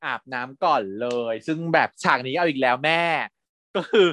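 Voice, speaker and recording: A man co-hosting a casual chat, recapping a series in an animated, giggly way and mixing in English words. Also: a little high, normal speed, dry recording. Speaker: hospital worker who does shifts.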